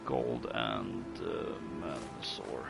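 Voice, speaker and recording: Rumbling low and creaky, this man's voice drags out its words as he hosts a let's play. Game music runs underneath his casual, hesitant musings.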